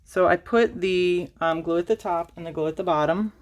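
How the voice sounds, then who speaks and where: A woman with a low voice talks through a craft project in a loose, rambling way. She restarts her sentences often, pokes fun at herself, and sounds a little out of breath. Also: normal speed. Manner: rambling, self-deprecating, many fillers and restarts. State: slightly out of breath. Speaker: crafting channel host. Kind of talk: casual craft tutorial.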